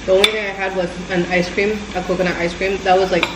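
A woman's voice: mid-range voice, level tone, fast talker. A woman food vlogger chatting casually to viewers with her mouth full. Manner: chatty, addresses viewers as "you guys". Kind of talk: casual cook-with-me chat. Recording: echoey room with air conditioning noise.

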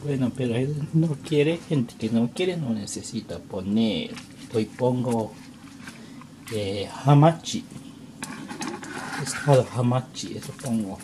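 Man, non-native Spanish, slow and searching for words, home cook, noisy background. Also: mid-range voice, lively intonation. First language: Japanese. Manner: halting broken Spanish, searching for words and apologizing. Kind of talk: casual cooking demonstration. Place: home kitchen.

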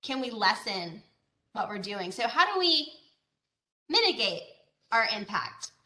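Bright-voiced woman presenting online. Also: on the high side, very animated, unhurried, reverberant. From Georgia, USA. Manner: conversational, with frequent fillers and rhetorical questions. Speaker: agricultural educator. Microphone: video call.

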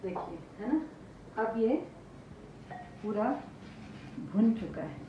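An older woman chef with an Indian accent hosts a cooking show from her home kitchen, explaining a dish to the camera step by step. Her voice is fairly high and animated, and she takes it slowly. The indoor recording is echoey and muffled, with noise.

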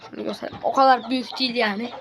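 A woman with a high, bright voice chats to her viewers while filming on a phone in a chicken coop. She talks to them like friends and bluntly shoos the birds that crowd her. Loud clucking and farmyard noise sit right under her voice. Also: fairly even intonation, very fast. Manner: chatty, addresses viewers as friends, scolds animals bluntly. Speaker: vlogger. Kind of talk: casual vlog chat.

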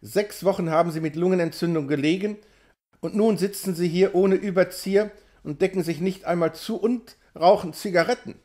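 A man's voice: high voice, moderate pace, warm tone, close to an everyday voice. A man reading an audiobook, voicing a fussy, motherly woman who pleads in a raised, imploring voice. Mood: scolding.

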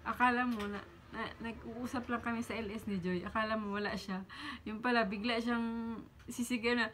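Lively chatty woman vlogger. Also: medium pitch, a little hiss or hum. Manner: animated, laughing, acts out friends' lines. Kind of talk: casual storytelling.

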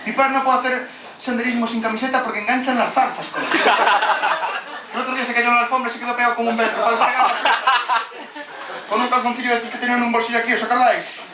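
A man doing stand-up comedy with a fairly high voice. His delivery is lively, and he breaks into sudden shouted impressions. He is recorded from a distance in an echoey room, with loud ambience behind him. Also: very fast, very noisy. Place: stage with a laughing audience.

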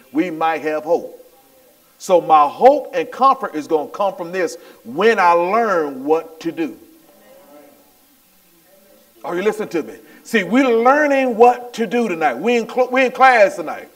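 A male pastor preaching a sermon at a church service, getting excited, repeating his lines and calling on the congregation to answer back. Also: high voice. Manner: excitable, repeats phrases and calls for the crowd to answer.

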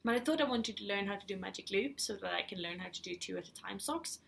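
Animated and quick, a woman with a medium-pitched, somewhat bright voice and noticeable vocal fry chats in a knitting vlog. She's in her thirties from Sweden, speaks with a Swedish accent, and hosts the podcast casually and a little hesitantly from her living room at home.

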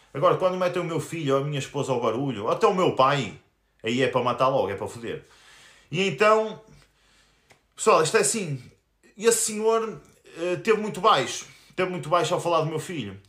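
A man's voice: a little high, a bit bright. Angry young man in a roomy echo. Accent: European Portuguese. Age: 20s. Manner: angry, crude, confrontational. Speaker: YouTuber. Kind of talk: live stream rant.

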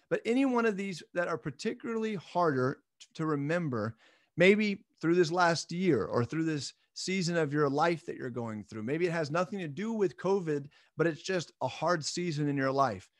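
A man in his thirties with a fairly high voice gives an earnest, encouraging Bible lesson on webcam. The sound is dry and close, with no room around him. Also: no echo. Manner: earnest, encouraging, jokes at his own slips. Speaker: church minister. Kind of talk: recorded midweek Bible lesson.

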